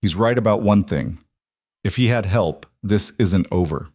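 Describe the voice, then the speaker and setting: A man voicing a stern, grim male werewolf king who speaks in a measured way in a spoken story. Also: lowish voice, darkish tone, no room sound, studio quality.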